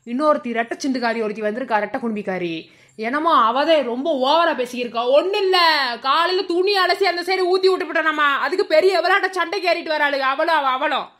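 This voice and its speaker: A woman's voice: high voice, a bit bright. A woman voicing a gossipy middle-aged neighbor woman in a cartoon, with a Madurai Tamil accent, grumbling and sniping about others. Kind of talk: cartoon voice acting.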